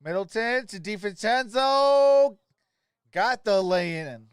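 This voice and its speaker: This sports livestream host talks slowly, his high, clean voice carrying lively intonation as he casually calls plays. He keeps the chat informal, naming viewers directly. The studio sound is clean, with no echo.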